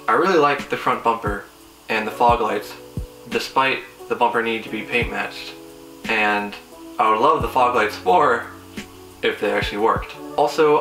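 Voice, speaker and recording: A young man hosts a car review with sarcastic, teasing jabs in a casual but scripted style. His voice is bright and punchy at a medium pitch. It sounds roomy and set back from the microphone, with faint music behind. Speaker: car video host. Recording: roomy echo, distant mic, faint music.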